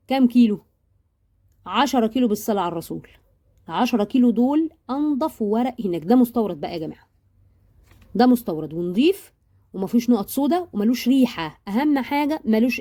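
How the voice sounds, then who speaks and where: A joking Egyptian woman talks her viewers through her baking purchases in a rapid, chatty run. Her voice sits fairly high but has a mellow warmth. She talks casually, like a home-baking vlogger. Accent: Egyptian Arabic.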